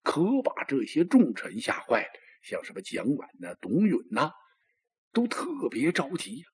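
A man's voice: wildly swooping pitch, a little slow, slightly rough. A man performing traditional Chinese storytelling in a dramatic, exclamatory manner. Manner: dramatic, exclamatory, with lots of pitch swings.

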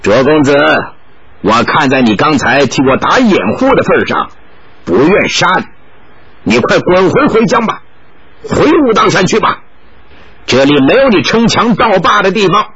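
A man's voice: sits high, sing-song, normal speed, dull audio, a crowd in the background. A man voicing a sly, grinning young man who teases and taunts. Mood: taunting. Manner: teasing, mocking.

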